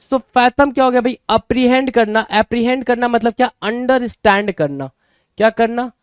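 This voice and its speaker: A man with a very high-pitched, smooth voice teaches English vocabulary for exams, mixing Hindi and English at a normal pace. He repeats each word and poses rhetorical questions to his students, and the studio-quality recording has no echo.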